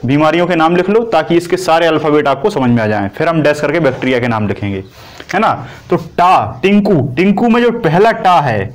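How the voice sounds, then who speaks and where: Higher-pitched man teaching a class. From India. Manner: repetitive, asks and answers own questions. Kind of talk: coaching class lecture.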